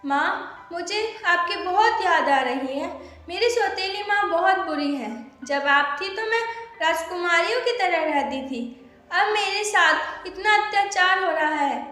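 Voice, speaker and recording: A woman's voice: very high-pitched, animated, unhurried, sharp tone, very echoey, faint music behind, exaggerated voice. A woman voicing a mistreated pleading girl.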